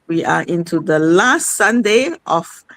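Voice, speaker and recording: A woman's voice: fairly low pitch, lively intonation, a little slow, fairly bright tone, rough recording. A woman, hosting an online sharing session in a rambling, conversational way. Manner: conversational, rambling with many fillers. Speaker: host.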